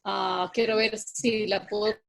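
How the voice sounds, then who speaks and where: A middle-aged woman from Guatemala City, a native Spanish speaker with a Guatemalan accent, giving an online guest lecture in a halting way with many "uh"s. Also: mid-range voice, little pitch movement, gravelly, a bit bright, rough recording. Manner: halting, many filler sounds.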